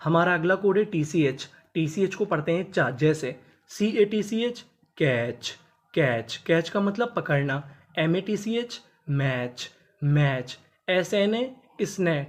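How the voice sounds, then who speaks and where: A teacher gives a spelling and phonics lesson, going through English words letter by letter, sounding them out, then stating their meanings, and lowering the pitch on the last word in each list.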